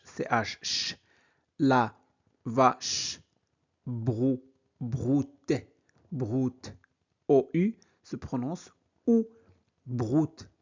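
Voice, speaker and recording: A man teaching French reading, saying each word slowly, spelling out letters and repeating syllables for learners. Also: medium pitch, lo-fi sound. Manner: very slow, syllable by syllable, repeating words. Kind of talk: slow reading lesson, spelling out sounds.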